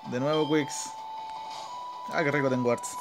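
A gaming video host with a Chilean accent gives casual, off-the-cuff commentary on his gameplay, muttering as he thinks aloud. His mid-range voice is steady and unhurried. Video game battle music and other background noise sit behind him.

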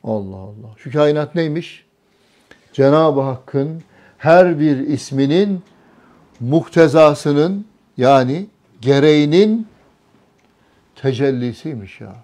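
A man's voice: a little high, slow pace, long pauses, darkish tone. A man giving a religious talk to a small group, often asking the listeners questions and repeating their answers. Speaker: religious teacher.

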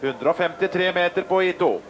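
A man giving live sports commentary as the lead commentator on a ski flying broadcast. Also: high-pitched. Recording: clear noise behind the voice.

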